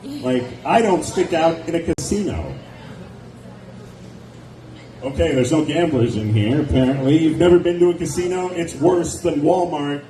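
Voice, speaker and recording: Speaking at normal speed in an animated, dark-toned voice on the high side, a man in his forties performs stand-up on a nightclub stage with a handheld mic. He's wry and sardonic, chatting with the audience between asides. The audio comes from a distance in an echoey club, with background noise.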